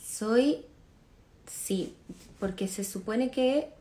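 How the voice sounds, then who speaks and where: Relaxed woman in her thirties, dark mellow tone, loose chatty delivery on a home phone livestream. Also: a little high, very slow. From Chile. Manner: relaxed, chatty, laughs often, trails off with fillers. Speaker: singer answering fans on a livestream. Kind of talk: casual chat reading comments. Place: living room indoors. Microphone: phone camera at arm's length.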